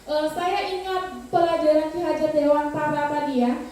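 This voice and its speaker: A woman's voice: high voice, fairly even intonation, normal speed, darkish tone, far from the mic. A woman teacher presenting to colleagues, telling classroom stories and addressing her listeners directly. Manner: storytelling, addresses listeners as "Bapak Ibu". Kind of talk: informal presentation with classroom anecdotes. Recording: very echoey room, voice from afar, faint noise.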